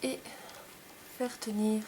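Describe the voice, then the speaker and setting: A young woman calmly explaining makeup steps in a tutorial, in short, gentle phrases. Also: medium pitch, slow, slight background noise. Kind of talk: casual step-by-step makeup tutorial.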